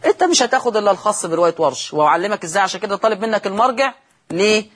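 A middle-aged Egyptian man giving a televised lesson on Quran recitation, talking quickly to the viewers and going over each point twice. His voice sits high for a man and has a husky edge. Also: animated, a bit bright. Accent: Egyptian Arabic. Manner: addresses viewers directly, repeats key points. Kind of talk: TV lesson explaining Quran readings.

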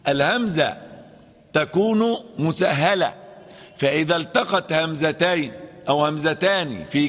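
A man's voice: on the high side, fairly bright tone, big-room sound. A man with an Egyptian Arabic accent, a sheikh teaching Quran recitation rules in a classroom lesson. He asks and answers his own questions and repeats the key terms.

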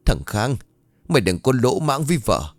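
Older mother-in-law read by a man, calm, reproving, lively pitch. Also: normal speed, dry recording.

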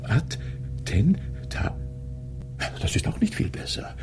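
An actor playing Sherlock Holmes in a German radio drama, a keen, commanding, excitable detective who often drops to a hushed murmur. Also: male voice, takes it slowly, background noise, natural voice. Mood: puzzled, musing. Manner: theatrical, lively, often dropping to a hushed murmur.

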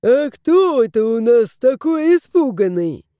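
A woman doing a squeaky, fretful house spirit. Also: sing-song, extremely slow, dark tone, no room sound, studio quality, heavily acted. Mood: agitated. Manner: agitated, squeaky, scolding. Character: anxious, fussy little male house spirit.

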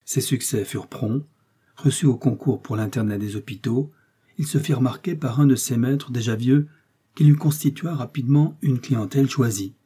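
A male audiobook reader tells an old short story with measured, expressive pacing. His tone is dark and mellow, with a husky edge. He sits in an ordinary middle pitch. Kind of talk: reading a classic short story aloud.

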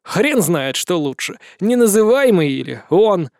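A man voicing an excitable male demon servant who talks eagerly and fawns on his master. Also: sits high, unhurried, no room sound, studio quality, exaggerated voice. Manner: eager, storytelling, fawning.

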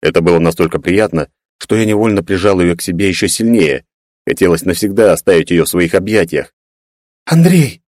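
A man narrating a first-person story in a steady, even manner. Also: deep voice, fast, dry recording, studio quality. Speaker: audiobook narrator.

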